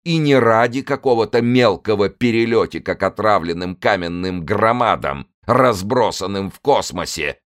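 A man's voice: fairly low pitch, voice pushed down, lightly acted. A man reading an audiobook, voicing a fiery male evangelist preacher who leads a crowd in sweeping, preacherly tones. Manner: sweeping, preacherly, rising to shouts.

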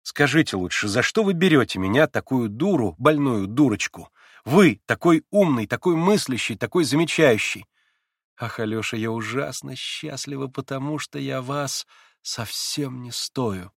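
A man reading an audiobook, voicing an emotional, shy and teasing teenage girl who swings quickly between moods. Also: mid-range voice, sing-song, slightly rough, dry recording, studio quality, pitched above the performer's own voice. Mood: earnest.

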